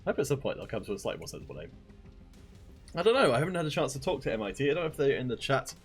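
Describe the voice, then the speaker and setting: A man's voice: medium pitch, big pitch swings, rapid-fire, breathy edge, soft background music. A man casting a live esports stream, chatting upbeat and directly to viewers. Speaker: esports caster.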